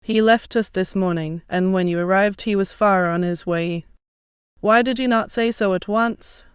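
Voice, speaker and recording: A proud young mistress of a house bites out her words with cold scorn, as a man puts her on. The voice sits well above his own and comes out very smooth. The recording is dry and a little dull. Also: high voice, normal speed, dry recording, voice pushed up, natural voice. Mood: scornful. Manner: scornful, cutting.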